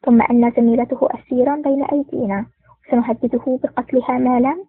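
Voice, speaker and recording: Brief: woman voicing a smooth-talking male spy, husky, fast, phone-line audio. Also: sits high, steady tone, dry recording. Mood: nervous. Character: calm scheming male foreign agent. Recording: tinny phone-like dry recording.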